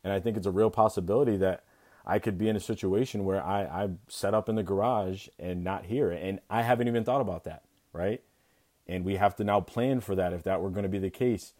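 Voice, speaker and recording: A young man with a low voice speaks as an interview guest. He talks candidly about his own life, pausing and restarting his sentences. His tone stays mellow and soft-edged. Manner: reflective, halting with frequent restarts. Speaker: interview guest, expectant father. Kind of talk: candid personal conversation.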